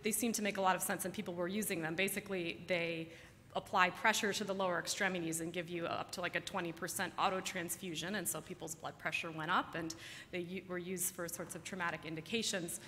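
Female medical presenter, conversational lecture style, crisp-edged bright tone, echoing hall with clear background noise. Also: fairly low pitch, fairly even intonation, fast. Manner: conversational, engages audience with questions. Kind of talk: conference lecture. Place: large indoor presentation room.

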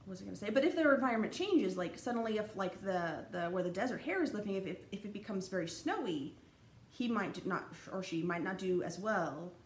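Animated and brisk, barely pausing, a young woman with a medium-pitched voice gives a rambling, casual anthropology lecture over slides at college, restarting often and using many fillers. The recording has echo and faint background noise.

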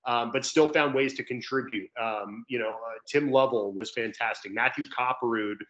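This young guest announcer talks sports analysis conversationally over a video call from a room indoors, his mid-range voice moderately paced and a bit bright. The call microphone renders it dull and a little lo-fi.

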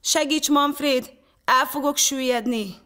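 A woman voicing an excitable little boy who cries out shrilly, in a storybook reading. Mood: panicked. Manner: shrill, crying out. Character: young boy, excitable, scared on thin ice.

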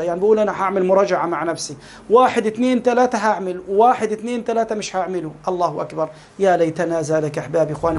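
A male Egyptian preacher with a high voice, delivering a fervent sermon at a rapid clip. He keeps calling out to his listeners as beloved brothers. A faint hiss of noise sits under the recording. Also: darkish tone. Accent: Egyptian Arabic.

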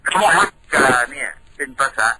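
A man's voice: a little high, animated, brisk, crowd noise, rough recording. A man from Thailand, a radio guest patiently explaining things in a studio, telling them like a story.

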